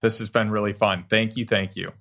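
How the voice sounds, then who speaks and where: A man's voice: on the low side, flat delivery, fairly quick, fairly bright tone. A man speaking as the host of a podcast, addressing guest and listeners. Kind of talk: podcast hosting.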